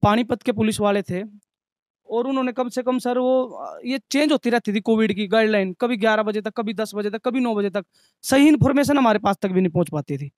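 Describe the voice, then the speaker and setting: A man's voice: high voice, animated, fairly quick, no echo, studio quality. A young man, a restaurant manager, earnestly recounting in detail how he and his staff were beaten. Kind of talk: interview testimony.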